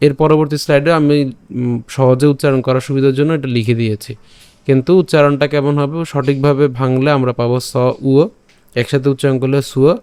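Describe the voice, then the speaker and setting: A man teaching an online lesson, patiently breaking words down and repeating them slowly, syllable by syllable. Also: mid-range voice, level tone, a little mellow, clear, resonant tone, no echo. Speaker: Gita recitation teacher.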